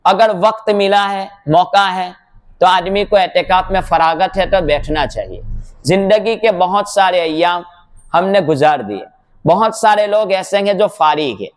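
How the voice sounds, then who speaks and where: A mufti delivering a sermon in a mosque, explaining points step by step with rhetorical questions and quoted sayings. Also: male voice, sits high, lively intonation, measured pace.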